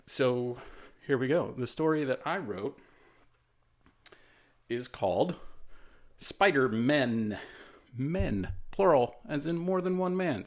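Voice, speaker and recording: Reading one of his own children's stories, an American writer speaks at a mid-range pitch. His delivery is relaxed and self-deprecating, sprinkled with conversational explanatory asides.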